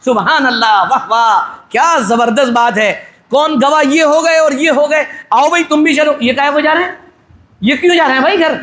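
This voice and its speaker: A middle-aged male cleric preaching at a wedding in a very high, bright voice. He talks with forceful energy and jokes with the crowd. He throws in rhetorical questions and acts out little dialogues. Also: roomy sound. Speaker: Islamic cleric officiating a wedding. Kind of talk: wedding sermon, conversational.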